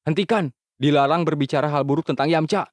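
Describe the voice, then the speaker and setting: A man's voice: fairly high pitch, fast talker, no room sound, clean studio sound, close to an everyday voice. A man voicing a naive, brash little boy who speaks bluntly in a storybook reading.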